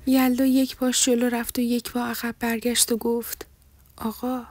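A woman narrating a novel in the first person, in a soft delivery that often drops to a breathy half-whisper. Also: a little high, flat delivery, no room sound. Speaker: audiobook narrator.

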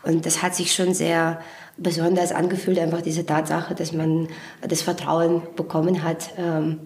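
A woman author and theatre director speaks as an interview guest in a fairly low voice. She answers in a thoughtful, hesitant way with many fillers, and the studio sound is roomy. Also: little pitch movement, normal speed, darkish tone, a little hiss or hum.

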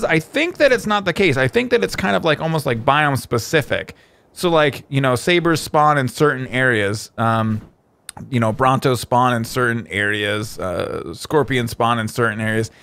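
Man, gameplay commentary, rambling and casual, fillers and self-corrections, slightly high voice, very animated pitch. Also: vocal fry. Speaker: gameplay video host.

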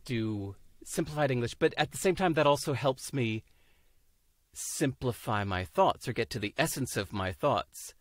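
This guest, an American man in his fifties, chats casually on a video call from a home room, pausing to find words and laughing easily as he reflects thoughtfully. His mid-range voice has lively intonation and a moderate pace, recorded at studio quality with no room sound.

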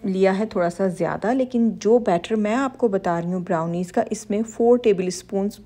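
A woman narrates a baking tutorial over her cooking footage, guiding viewers step by step. Her voice is mellow and warm-toned, sitting at an ordinary middle pitch. She sounds instructive and reassuring throughout. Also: moderate pace. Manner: instructive, reassuring, addresses women viewers directly. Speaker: cooking channel host.

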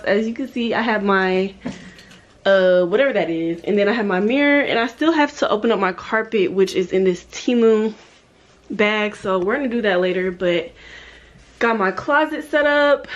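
A woman in her twenties, a vlogger, chats casually to her viewers from her college apartment bedroom, calling them "y'all." Her voice is medium in pitch, and the audio sounds dull.

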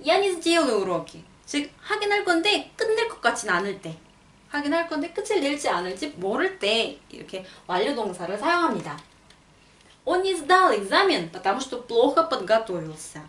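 A young woman teaching a language lesson, explaining patiently and reading example sentences slowly and clearly. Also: high-pitched, very animated, a bit bright. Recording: roomy, a bit far from the mic.

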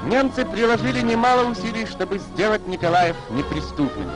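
1940s newsreel narrator, a man, fairly high voice, solemn and declamatory, music playing underneath. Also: brisk, low-quality recording. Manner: solemn declamatory announcer delivery. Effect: 1940s newsreel voice-over. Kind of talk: scripted wartime newsreel narration. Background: orchestral score.

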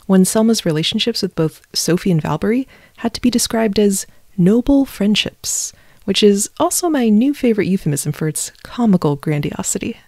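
A woman host narrating history from a script, with wry, conversational asides on a low-budget home mic. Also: a little mellow, no echo, clean studio sound.

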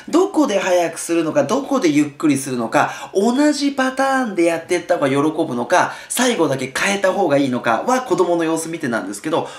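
A man coaching parents on reading aloud, his voice rising and falling freely as he explains. He keeps things casual and conversational, with easy asides. The sound is roomy and echoey. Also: high voice. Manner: lively, chatty, with casual asides. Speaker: childcare educator.

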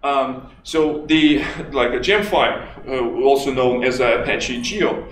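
A man with a Russian accent giving a conference talk, halting with many restarts and fillers. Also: medium pitch, a little hiss or hum. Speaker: conference speaker. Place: conference hall. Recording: echoey hall from far off.

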